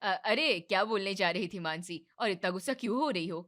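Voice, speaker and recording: In a cartoon family drama, a woman gives an expressive, brisk performance as a young husband placating his wife and his mother. Her natural voice is pitched lower and stays soft and placating, making him sound soothing yet evasive.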